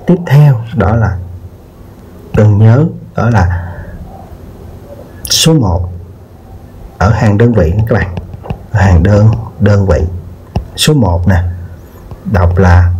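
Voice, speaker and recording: Slow low-voiced man teaching math. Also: animated, dark tone, slight background noise. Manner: slow, repeats words and asks "được chưa?". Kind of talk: slow explaining lesson for children. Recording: dull lo-fi sound with guitar music behind.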